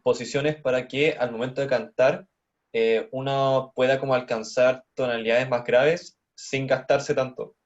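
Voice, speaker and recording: A man in a workshop tentatively shares an experience in a conversational tone. His mid-pitched voice comes through a dull, lo-fi recording. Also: steady tone, unhurried. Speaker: workshop participant. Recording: dull lo-fi audio.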